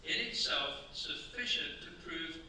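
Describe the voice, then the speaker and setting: An echoey live stage and a distant mic, with faint noise, capture a man acting in an amateur radio play as a stern French official who questions relentlessly. He speaks formally and accusingly with deliberate phrasing, his voice on the high side, bright, pushed and exaggerated, with lively intonation.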